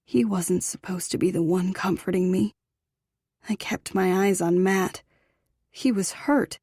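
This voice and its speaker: A woman's voice: on the low side, measured pace, mellow, slightly rough, no echo, studio quality. A woman narrating a first-person romance audiobook in an intimate, emotional reading.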